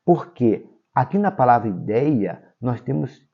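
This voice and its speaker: A Brazilian man teaching a grammar lesson for exam preparation, explaining step by step and checking in often with "tá?" and "ok?", stressing key words with sudden jumps in pitch and loudness. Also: big pitch swings, measured pace, vocal fry, breathy edge, muffled recording. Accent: Brazilian Portuguese.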